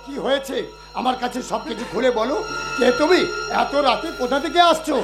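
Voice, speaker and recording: A man's voice: extremely high pitch, fairly quick. An actor playing an honest, devout older official in a folk stage play, speaking in a declamatory, fatherly way. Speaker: government inspector. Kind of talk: jatra stage acting. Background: stage music.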